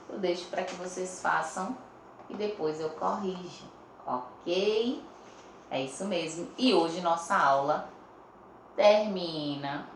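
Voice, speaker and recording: A woman's voice: on the low side, echoey room, a little hiss or hum. A woman teacher with a Brazilian Portuguese accent, giving a lesson to young pupils, sounding words out syllable by syllable and checking in often. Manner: slow, stretches out words syllable by syllable. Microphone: phone.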